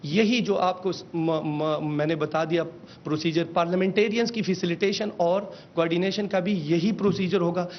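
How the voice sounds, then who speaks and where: A high-pitched man walks the press through a slide briefing in a measured official tone and slips in English phrases. The recording is dull and lo-fi, with a faint rumble underneath. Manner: mixes in English phrases, calls out slide changes. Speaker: government official presenting a system.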